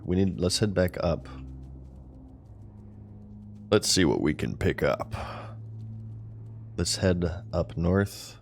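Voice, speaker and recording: A man's voice: sits low, a little mellow, a little hiss or hum. A man casually commenting on his gameplay as a streamer, chatting with viewers as he plays. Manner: chatty, talks to chat while playing. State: hiccuping.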